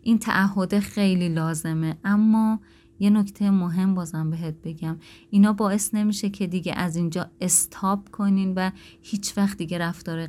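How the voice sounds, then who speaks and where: A woman's voice: fairly low pitch, darkish tone. A woman giving direct, coaching parenting advice to listeners, at times acting out sample lines between spouses. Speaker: parenting advisor.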